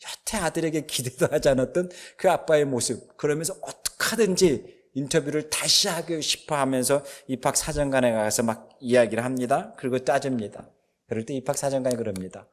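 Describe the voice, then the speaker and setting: Korean pastor retelling a story in a sermon. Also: male voice, mid-range voice, fairly quick. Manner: storytelling, retelling a film with fillers.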